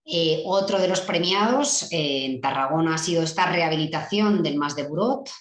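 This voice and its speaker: Low-voiced woman presenting online. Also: lively intonation, moderate pace, echoey room. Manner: hesitant, many fillers and restarts. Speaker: director general giving a keynote talk. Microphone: video call.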